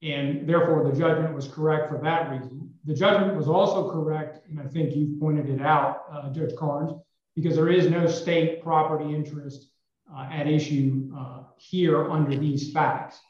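Attorney, male, formal courtroom delivery, booming well-like echo over a dull, muffled line. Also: steady tone, darkish tone. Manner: formal, measured courtroom address. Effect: hollow echo, as if speaking inside a well. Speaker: attorney arguing for the state. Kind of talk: appellate oral argument. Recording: echoey, dull remote audio line.

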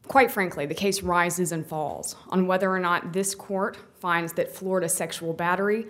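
A woman defense attorney giving a formal, careful appellate argument to a panel of judges. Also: fairly low pitch.

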